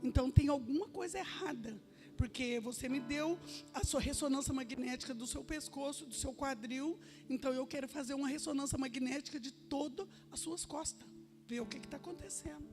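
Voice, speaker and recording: Uma mulher dá seu testemunho num culto da igreja, contando a história com seriedade e citando as falas dos outros na própria voz. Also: female voice, high voice, brisk, over music. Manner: earnest storytelling, quoting others in her own voice. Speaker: church member giving testimony. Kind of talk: testimony in a church service. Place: church sanctuary.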